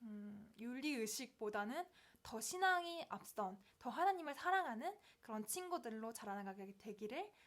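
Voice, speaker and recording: A woman's voice: on the high side, expressive, moderate pace, hardly any pauses. Woman telling a bible story to kids. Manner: gentle storytelling to kids, asking questions; acts out quoted voices in the story. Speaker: children's ministry preacher. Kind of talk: children's sermon.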